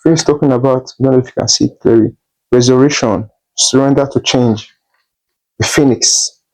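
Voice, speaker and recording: A man's voice: medium pitch, steady tone, normal speed, darkish tone, low-quality recording. A man doing a tarot reading, speaking straight to the listener in a repetitive, reassuring way. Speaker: tarot reader.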